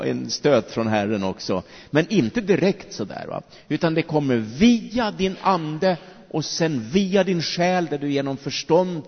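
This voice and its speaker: A male pastor preaching in a big hall, his slightly husky voice swinging widely in pitch as he stretches key phrases out slowly. The recording is dull and muffled, with a long reverb trailing behind every line. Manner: animated preaching, drawn-out emphatic phrases. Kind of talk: sermon.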